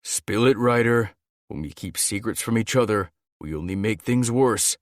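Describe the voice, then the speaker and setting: A man voicing a young male gargoyle shifter who talks earnestly and urgently, a little higher and louder than his narration. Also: normal speed, no echo, clean studio sound, natural voice. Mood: weary.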